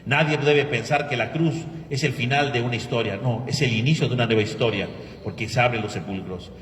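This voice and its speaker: A man's voice: medium pitch, a bit bright. A man preaching at Mass as a priest, asking rhetorical questions and leading prayers, his voice ringing with cathedral echo. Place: large church. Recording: echoey church hall from far off.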